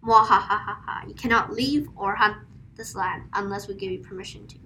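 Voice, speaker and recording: A woman's voice: medium pitch, brisk, sharp tone, lightly acted. A woman playing a haughty, cruel government representative in an amateur historical skit, with pompous, scornful, theatrical villain menace. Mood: menacing contempt. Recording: noisy amateur recording.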